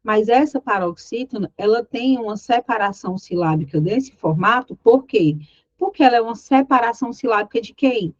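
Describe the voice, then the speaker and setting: A woman's voice: a little high, lively intonation, moderate pace, dry recording, muffled recording. A woman with a Brazilian Portuguese accent teaching an exam-prep grammar lesson, explaining step by step and often checking in with her students. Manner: voices imagined student questions.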